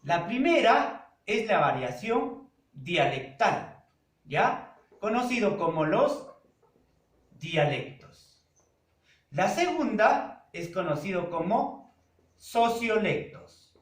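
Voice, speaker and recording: A male teacher lectures his class in a high, lively voice, pausing often and repeating the key terms. He speaks slowly and keeps checking that the students follow. The sound is echoey, recorded in a classroom. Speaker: secondary school language teacher. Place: classroom with a whiteboard.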